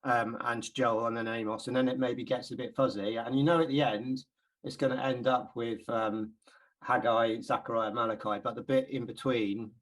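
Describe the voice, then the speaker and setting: A man's voice: medium pitch, steady tone, normal speed, rough recording. A man from England giving an informal Bible class talk, chatty and hesitant, with many ums and repeated words.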